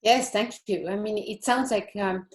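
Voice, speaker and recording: A woman's voice: mid-range voice, normal speed. Woman, panel moderator, thanks speakers, asks questions, video call mic. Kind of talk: panel discussion.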